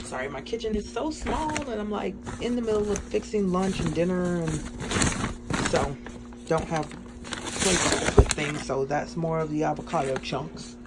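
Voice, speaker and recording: An upbeat woman runs through a casual grocery haul vlog in her cramped home kitchen. She chats freely and keeps stopping on ums. The phone recording carries a clear layer of background noise. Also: on the low side, normal speed. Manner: chatty and excited, with many ums. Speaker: vlogger.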